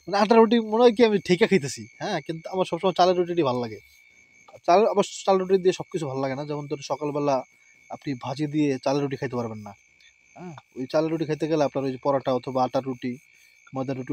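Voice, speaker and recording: A man's voice: on the high side, darkish tone. A man with a Barishal-area accent, chatting casually to camera while cooking at home, who often adds short affirmations. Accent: Barishal-area Bangla. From Barishal area, Bangladesh. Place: rural home at night, outdoors.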